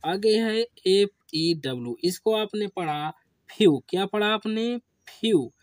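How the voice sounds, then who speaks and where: A male teacher walks beginners through spelling, speaking very slowly and repeating each word. His mid-pitched voice sounds dry and close, with no room sound around it. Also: lively intonation, no room sound. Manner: slow, repetitive call-and-response drilling. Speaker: English teacher. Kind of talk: classroom lesson for beginners.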